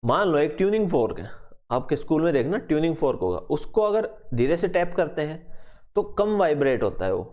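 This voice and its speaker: Guy teaching physics, bit high voice, dull lo-fi audio, keeps asking got it?. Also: big pitch swings, fairly quick, darkish tone. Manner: explains in mixed Hindi and English, asks students questions. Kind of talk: online class lecture. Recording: dull lo-fi recording.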